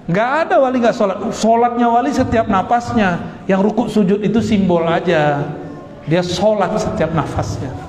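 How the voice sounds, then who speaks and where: A man's voice: high-pitched, darkish tone. A man giving a religious lecture as a preacher, telling stories with animation and putting questions to his audience. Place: hall with long reverb. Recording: echoey hall, faint background ambience.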